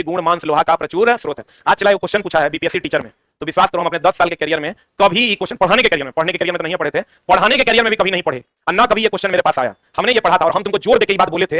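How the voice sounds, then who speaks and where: Man, 30s, exam-prep science teacher, rapid question-and-answer drilling, dry close sound. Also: sits high, pushed and bright, dry recording. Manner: quizzing, asks and answers his own questions.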